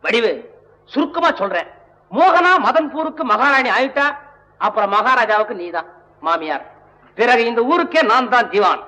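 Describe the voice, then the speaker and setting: Scheming courtier: high, bright, reverberant old film sound. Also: male voice, expressive, moderate pace, long pauses, full character voice. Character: scheming middle-aged male courtier. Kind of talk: 1960s film acting.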